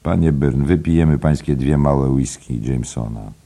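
A man's voice: a bass voice, normal speed. A man voicing a boisterous, scornful male drinking companion in an audiobook. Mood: mocking. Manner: loud, mocking. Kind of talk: audiobook character voice.

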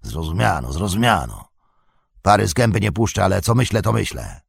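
Man voicing a sneering orc tracker, sly, cowardly, husky and gravelly, dry close audiobook sound. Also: on the low side, very animated, fast talker, no echo, heavily acted. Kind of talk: audiobook reading.

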